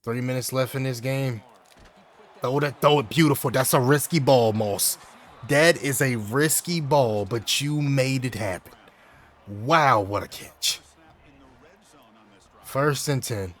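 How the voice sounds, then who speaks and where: A young gaming YouTuber commentates live over his own football video game, talking to himself at a medium pitch. He goes slowly with long pauses but bursts into yells on big plays.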